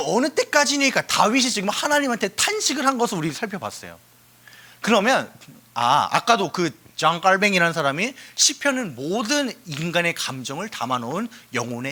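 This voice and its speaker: A young man preaching an animated youth sermon, swinging from loud cries to hushed asides and asking his listeners questions. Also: sits high. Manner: asks the listeners questions and answers them. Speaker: preacher at a youth worship service. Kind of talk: lively youth sermon with acted prayers.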